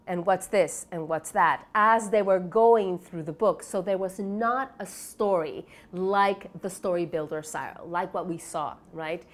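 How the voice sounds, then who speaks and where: In an interview, a Peruvian developmental psychology researcher from Lima gives explanatory answers in a lower, reflective voice. Her delivery is halting, punctuated by tag questions that look for agreement.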